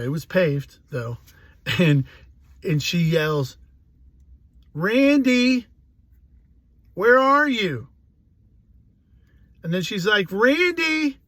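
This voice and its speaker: A man's voice: mid-range voice, dry recording. A man in his forties telling a rambling, profane, self-mocking personal story in a casual way. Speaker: host.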